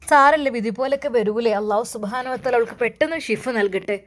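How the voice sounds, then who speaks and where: A woman narrating a dramatic story in an expressive, emphatic way. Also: on the high side, a little fast.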